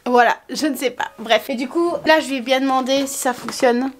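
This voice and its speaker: A young woman vlogging casually from her bedroom, chatty and excitable, with a sore, dry throat. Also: high voice, brisk, faint music behind. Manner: chatty, easily excited, exclaims and grumbles. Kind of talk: casual vlog chat. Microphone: camera mic.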